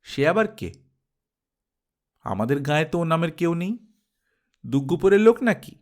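Give me a sharp, scolding old aunt from a village, put on by a male narrator. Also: a little high, sing-song, normal speed. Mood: puzzled.

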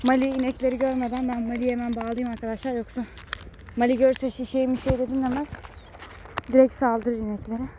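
A woman with a high voice chats casually to her viewers while out on a rural farm. She is recorded outdoors, with faint noise in the background. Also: flat delivery, a little fast. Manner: talks to viewers, then shouts sharp commands at the dogs. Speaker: vlogger walking her dogs. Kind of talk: casual vlog talk to viewers.

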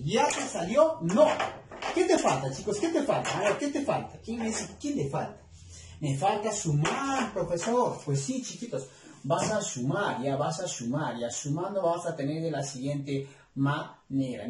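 A man leads children through arithmetic with a bright, high voice that leaps around as he talks. He keeps coaxing them along with quick questions. He sits back from the mic in an echoey room. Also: recorded from a distance, a little hiss or hum. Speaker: math teacher. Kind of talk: explaining a lesson to children.

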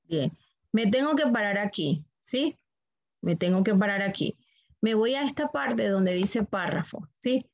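A woman's voice: mid-range voice, expressive, a little slow, dry recording, muffled recording. A woman teaching a computer class online, walking students through steps patiently, repeating them and checking that they follow.

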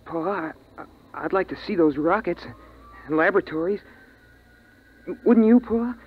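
A man's voice: high voice, unhurried. An actor playing an earnest, hesitant boy in a survivor family, in 1950s radio drama style. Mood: wistful, uneasy. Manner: hesitant, wistful, plain-spoken. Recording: tinny 1950s radio recording with music.

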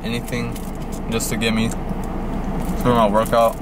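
A young man talks in a laid-back, rambling way, full of fillers. His voice sits at a middle pitch. Steady noise from the car and the outdoors runs behind him. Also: slow pace. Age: young adult. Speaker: vlogger. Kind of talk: casual vlog chat. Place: parked car, then gym.

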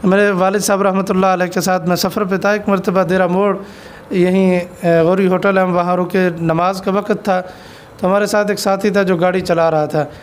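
A man's voice: sits high, little pitch movement, moderate pace. A man who is an Islamic cleric, answering an interview question with an earnest, exhortative sermon and stories.

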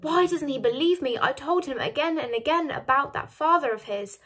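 A woman's voice: high voice, normal speed, a bit bright, pitched above the performer's own voice. A woman reading the lines of a distraught middle-aged mother, pleading and rising in volume. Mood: distressed.

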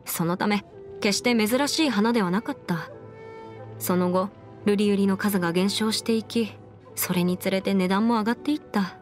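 For Japanese anime game voice lines, a woman plays a confident, clever young female legal advisor who is articulate and slightly boastful with playful pride. She's explaining something in a natural, medium-pitched voice at normal speed, with music in the background.

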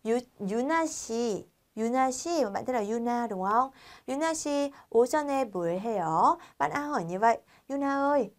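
A woman with a Vietnamese accent teaching Korean in an online lesson, chatty and lively, often checking that students follow. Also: on the high side.

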